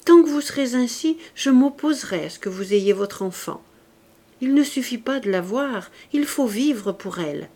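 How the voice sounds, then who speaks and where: Calm firm doctor, read by a woman. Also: on the high side, normal speed, pitched above the performer's own voice.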